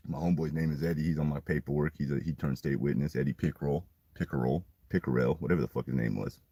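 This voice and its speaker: A deep, husky man spins a rambling, profane story in a casual chat. His low voice has a rough, breathy edge. The sound is dry and close, with no room around it. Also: fast, no room sound. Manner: rambling, profane, animated retelling. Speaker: podcast storyteller.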